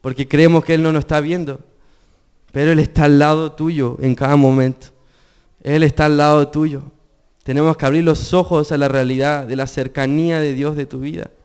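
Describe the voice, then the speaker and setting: Earnest young man preaching, smooth voice. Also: on the high side, flat delivery, moderate pace, a little mellow, lo-fi sound. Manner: earnest, with rhetorical questions to the congregation. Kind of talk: sermon.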